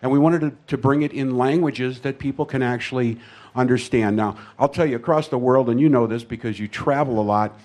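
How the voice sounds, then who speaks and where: A man's voice: medium pitch, brisk, a little mellow. Enthusiastic man talking up his network. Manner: enthusiastic, storytelling. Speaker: guest, radio network manager. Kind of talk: casual chat before a live audience.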